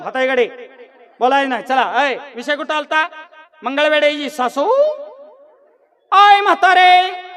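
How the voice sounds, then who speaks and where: A man performing a comic folk sermon on stage, shouting and teasing the audience into calling back. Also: extremely high pitch. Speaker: bharud performer.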